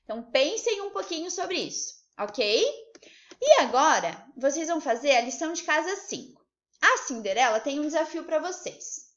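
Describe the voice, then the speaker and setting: A woman teaching a remote class to young children, lively and coaxing, asking many questions. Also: high voice, normal speed. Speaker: primary school teacher. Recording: slightly dull lo-fi recording.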